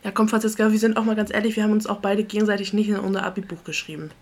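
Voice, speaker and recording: A woman's voice: mid-range voice, level tone, darkish tone. Playful teasing woman podcast co-host. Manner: playful, teasing, quick to laugh. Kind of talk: casual chat.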